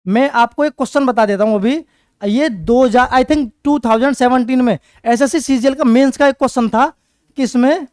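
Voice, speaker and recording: Male tutor, high and clear voice, drills words by repetition, dry close sound. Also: normal speed, a little mellow, dry recording. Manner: repetitive call-and-response drilling; writes on a board while explaining. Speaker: English teacher. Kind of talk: exam-prep classroom lecture.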